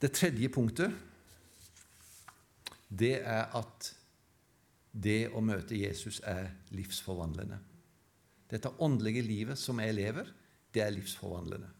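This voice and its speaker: A man's voice: fairly low pitch, vocal fry, long pauses. A man preaching a sermon in church, emphatic and building his points through repeated phrases.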